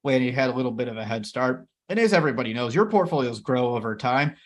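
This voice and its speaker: A man's voice: mid-range voice, animated, quick pace. A man in his thirties co-hosting an investing chat, upbeat and joking as he rambles. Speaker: co-host of a dividend investing channel. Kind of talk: casual chat.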